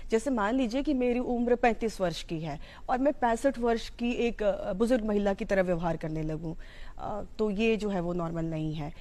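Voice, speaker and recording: Speaking at a medium pitch with a dark tone, a woman with an Indian accent explains psychology in an informal educational talk. She works English terms into her explanations.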